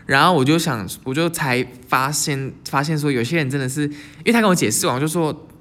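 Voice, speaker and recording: A young man from Taiwan, hosting his channel in a casual storytelling monologue, lively and sprinkling English words into his speech. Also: fairly high pitch, a little fast. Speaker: channel host.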